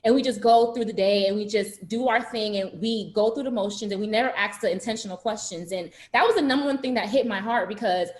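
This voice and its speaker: Speaking as a panelist on a video call, a fast-talking, earnest woman in her 20s keeps restarting her sentences. She is from the southern United States, her first language is Haitian Creole, and her medium-pitched voice has a roomy sound.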